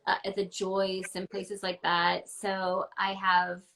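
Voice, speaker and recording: Speaking from her ground floor apartment in a casual video-call interview, a ballet dancer answers candidly and emphatically, scattering lots of "like" and "um." Her medium-pitched voice is gravelly yet fairly bright, delivered slowly and completely flat.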